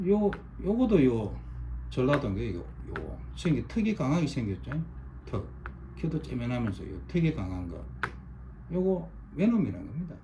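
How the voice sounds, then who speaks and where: A man's voice: medium pitch, sing-song, normal speed, highs cut off, noisy background. Emphatic middle-aged man. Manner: repetitive, pointing with short demonstratives, emphatic. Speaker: online commentator. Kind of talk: monologue explaining a chart.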